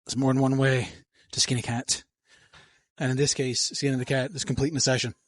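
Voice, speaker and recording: A man's voice: mid-range voice, flat delivery, a little fast, no room sound, studio quality. A man talking through his workout in a gym, coaching and rambling casually into a handheld mic, breathing hard between sets. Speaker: fitness vlogger. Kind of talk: casual gym vlog narration.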